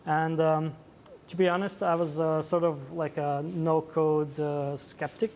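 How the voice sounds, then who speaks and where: A man from Latvia with a Latvian accent, presenting at a tech meetup, pausing often with many "uh"s. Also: fairly high pitch, level tone, a little mellow, slight background noise. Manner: hesitant, many fillers. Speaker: conference speaker. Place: meetup venue.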